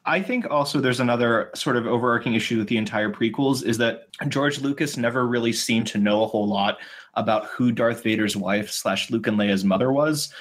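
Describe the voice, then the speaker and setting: A man in a relaxed podcast film discussion, speaking in a husky, breathy voice at a middle pitch. He is dry and wry, picking apart the story with easy sarcasm. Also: fairly quick. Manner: wry, acts out mocking quotes. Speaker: podcast co-host.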